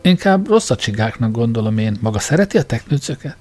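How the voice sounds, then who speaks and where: A man voicing a lively, skeptical young woman who fires off short, sharp questions. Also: mid-range voice, soft background music. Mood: teasing.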